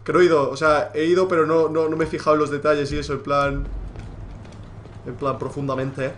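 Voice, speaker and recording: Excitable young Spaniard streaming a game. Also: male voice, a little high, a little fast, slight background noise. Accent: Spain Spanish. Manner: excitable, joking, swearing freely. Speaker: gaming streamer. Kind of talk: live gameplay commentary.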